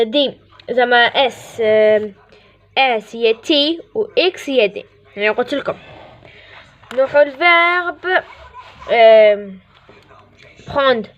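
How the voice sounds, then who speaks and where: High-voiced Algerian woman teaching French. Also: a little slow, long pauses, muffled recording. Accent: Algerian Arabic. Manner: apologizes often, repeats and corrects herself. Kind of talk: casual classroom lesson.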